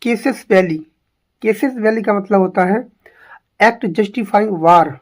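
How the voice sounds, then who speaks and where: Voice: medium pitch, normal speed. An English teacher giving an exam-prep lesson, drilling each word by repeating it and asking rhetorical questions.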